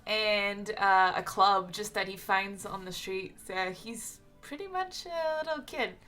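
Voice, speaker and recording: A woman's voice: medium pitch, unhurried, pushed and bright, faint music behind. A woman playing a tabletop role-playing game, describing her character in casual, rambling talk full of fillers and giggles.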